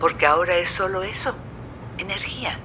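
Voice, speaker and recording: Sex: woman. Figure: a woman playing a calm, reassuring spiritual friend. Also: lowish voice, fairly quick, background noise, close to an everyday voice. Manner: gentle, reassuring, explains calmly.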